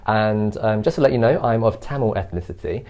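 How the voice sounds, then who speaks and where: A man's voice: on the low side, a little fast, darkish tone. A man from London with a modern British accent, close to RP with hints of Multicultural London English, talking as a guest teacher in a conversational lesson. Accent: modern British, near RP with hints of Multicultural London English. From London, England.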